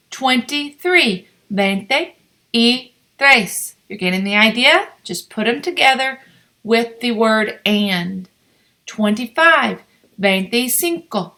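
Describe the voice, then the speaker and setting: A woman's voice: on the high side, pushed and bright. A woman teaching a language lesson, coaxing listeners to repeat after her. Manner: coaxing, asks learners to repeat. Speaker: Spanish teacher. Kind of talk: slow, repetitive language lesson.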